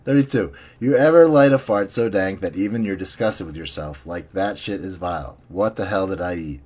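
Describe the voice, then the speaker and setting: A man hosting a small magazine's podcast, chatting casually, swearing now and then, and reading listener submissions and poems aloud. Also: low-pitched. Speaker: magazine host.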